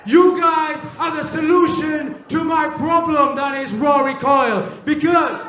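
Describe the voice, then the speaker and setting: Guy on the mic at wrestling, really high voice, stretching words out, big echo. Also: measured pace, a bit bright, a little hiss or hum. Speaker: wrestling show speaker in the ring. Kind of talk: live microphone promo. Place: large indoor venue. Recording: echoey arena PA sound.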